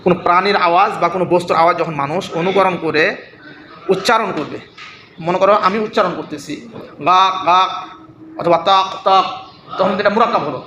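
A man's voice: high voice, fast, fairly bright tone, roomy sound, slight background noise. A man teaching Arabic grammar in a classroom lesson, repeating points, mimicking sounds and checking that his students follow. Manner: repetitive, checks students' understanding.

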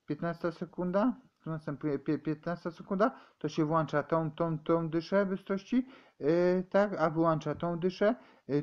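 A man giving a rambling, halting explanation, stumbling over words and restarting often. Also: on the high side, highs cut off.

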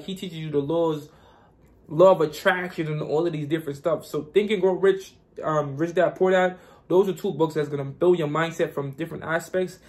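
A young man from Guyana vlogging casually and giving hyped, repetitive motivational advice. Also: on the high side.

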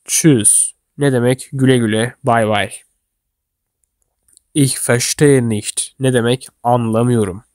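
A man walks learners through everyday German phrases. His voice sits at an ordinary middle pitch. The recording is dry and close, with no room echo, and he says each model phrase slowly and carefully. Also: fairly even intonation, darkish tone. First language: Turkish. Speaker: German language teacher. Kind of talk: instructional explanation for learners.

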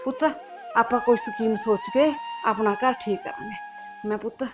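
In a short family drama, a middle-aged woman with a slightly high voice plays a grieving mother-in-law, tearfully soothing and pleading with her son's wife. She speaks at normal speed with light acting, and soft music plays in the background.

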